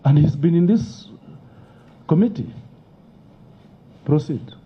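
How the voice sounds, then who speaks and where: A man's voice: fairly high pitch, animated, takes it slowly. A man, testifying before a parliamentary committee, emotional and insistent, talking over the questioner. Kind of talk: heated testimony at a hearing. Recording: muffled lo-fi broadcast audio.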